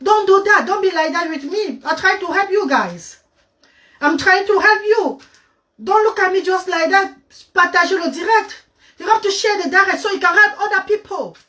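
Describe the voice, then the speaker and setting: High-voiced coaxing woman, a bit off-mic. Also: lively intonation, normal speed, pushed and bright, distant mic. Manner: coaxing, showers viewers with endearments; switches between French and English. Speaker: live-stream host giving diet advice. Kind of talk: casual live-stream chat.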